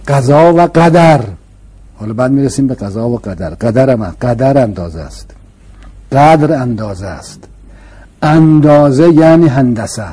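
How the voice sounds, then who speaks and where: A man with a mellow, husky, mid-range voice explains philosophical ideas to an interviewer in an explanatory, conversational lecture. He is patient and emphatic, using rhetorical questions and repetition.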